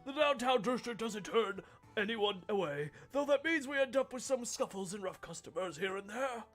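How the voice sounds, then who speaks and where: A woman's voice: a little high, animated, normal speed, faint music behind, pitched above the performer's own voice. A woman voicing a kindly, philosophical downtown resident in video game dialogue. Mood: earnest, philosophical. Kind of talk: video game dialogue read aloud by a streamer.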